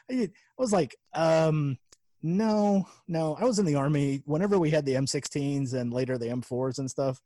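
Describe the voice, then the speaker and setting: Joking man, dark and dry voice. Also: on the high side, moderate pace, no echo. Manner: crude, joking, laughs often. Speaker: podcast host. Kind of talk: casual podcast chat.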